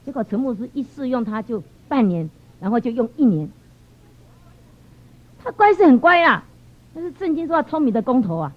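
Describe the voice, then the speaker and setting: A woman giving a lively church testimony, telling stories with animated expression. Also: sits high, a little fast, pauses often. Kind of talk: storytelling testimony. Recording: dull lo-fi sound.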